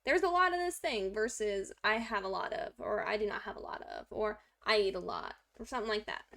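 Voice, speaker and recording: A young woman streams her Korean study session, talking quite quickly in a gravelly, slightly bright voice. She explains grammar in a chatty, self-deprecating way, full of fillers, and switches to a high baby voice when she speaks to her pet.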